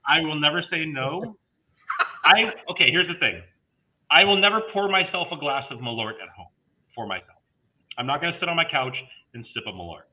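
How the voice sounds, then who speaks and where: A man's voice: on the high side, animated, fairly quick. A man guest telling playful stories with frequent laughs on a video call. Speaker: guest, tiki designer. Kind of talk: casual video-call chat. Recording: tinny phone-like line.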